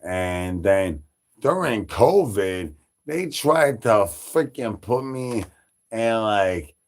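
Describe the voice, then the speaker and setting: A man from Chicago chatting loosely on a livestream, profane and rambling, with plenty of fillers and shout-outs. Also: on the low side, big pitch swings, extremely slow. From Chicago, Illinois. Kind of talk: rambling casual stream chat.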